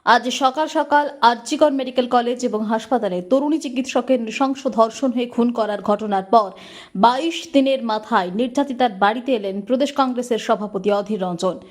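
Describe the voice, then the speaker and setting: A woman reads the news in a formal, steady manner. Her voice sits fairly high and is delivered as scripted narration. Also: moderate pace. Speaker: news anchor.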